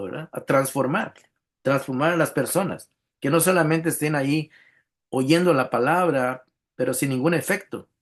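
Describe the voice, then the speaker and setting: A man's voice: mid-range voice, gravelly. A male pastor giving a conversational sermon, often checking in with "right?" and repeating words as he explains. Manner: conversational preaching, frequent "¿verdad?" tags and repeated words.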